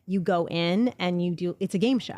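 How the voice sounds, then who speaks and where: Blunt and full of jokes, laughter and swearing, a woman hosts a casual podcast chat through a studio mic held off to the side. Her voice sits on the low side and is a little mellow, at a normal speed, in a dry recording.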